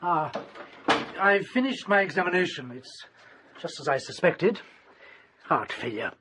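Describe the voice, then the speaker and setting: An actor playing a supercilious, bitter country doctor in a radio drama, speaking formally and sarcastically. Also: male voice, on the high side, lively intonation, a little slow, pushed and bright, slight background noise. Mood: clinical.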